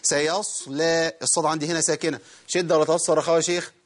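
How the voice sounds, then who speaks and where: A man with an Egyptian Arabic accent teaches Quran recitation in a TV studio lesson, quizzing viewers quickly and then drawing out the words slowly. His voice is a little high, with a flat delivery.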